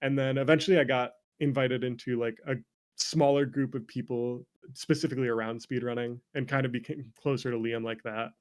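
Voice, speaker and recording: In a brisk, mid-range voice with fairly even intonation, a young man tells laid-back stories as an interview guest. He's a streamer and former speedrunner whose informal, self-deprecating talk is peppered with "like."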